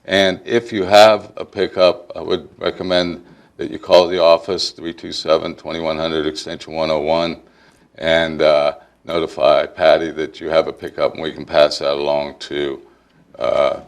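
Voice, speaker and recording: Very deep gravelly man explaining. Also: flat delivery, normal speed. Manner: matter-of-fact, informative. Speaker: municipal official. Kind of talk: answering questions at council meeting.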